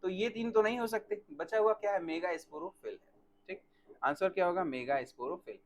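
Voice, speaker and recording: A man teaching botany in a live online class, asking students questions by name and dictating answers slowly. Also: high voice, a little hiss or hum.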